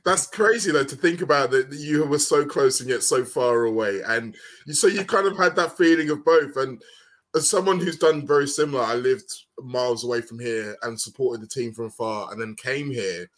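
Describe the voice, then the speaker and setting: A man's voice: medium pitch, moderate pace, a bit bright. Man, podcast host, chatty friendly questions. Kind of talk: interview.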